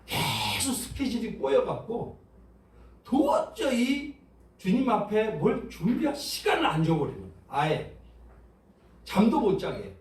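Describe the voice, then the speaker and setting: A man's voice: extremely high pitch, very animated, a little slow. A man preaching a sermon as pastor, talking conversationally and asking the congregation questions. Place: church sanctuary. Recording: roomy church sound from a distance.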